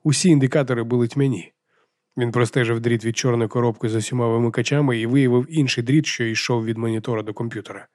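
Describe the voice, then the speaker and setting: Brief: male audiobook narrator, mid-pitched, steady and measured, dry close recording. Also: no room sound. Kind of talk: scripted narration.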